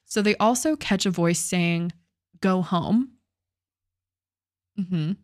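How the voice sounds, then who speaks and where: A woman's voice: on the low side, unhurried, no room sound, studio quality. A young woman co-hosting a podcast, retelling a ghost story in casual chat, swearing and using many fillers. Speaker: podcast co-host.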